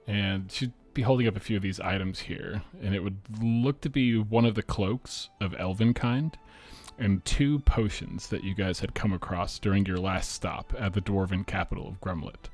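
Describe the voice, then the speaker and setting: Low-voiced game master narrating a tabletop session, relaxed and filler-heavy. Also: male voice, normal speed, faint music behind.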